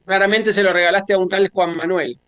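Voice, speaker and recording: A man's voice: high voice, fairly even intonation, brisk, fairly bright tone, clean tone, highs cut off. A man with a Rioplatense accent hosting a casual video call interview, curious and describing what he sees. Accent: Rioplatense Spanish. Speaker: interviewer host.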